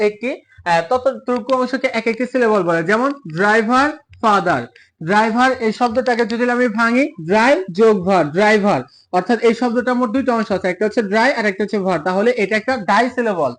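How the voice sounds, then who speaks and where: A high-pitched male English teacher gives a classroom lesson, asking questions and then answering them himself. He spells words out syllable by syllable.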